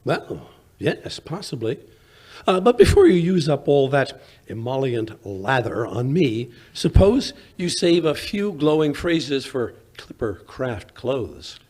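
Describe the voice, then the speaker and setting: Man acting genial old Doctor Watson, animated delivery. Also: mid-range voice, takes it slowly, slightly rough, full character voice. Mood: wry, agreeable. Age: older. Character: old, genial, bumbling Doctor Watson, self-deprecating English storyteller. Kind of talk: 1940s radio drama acting.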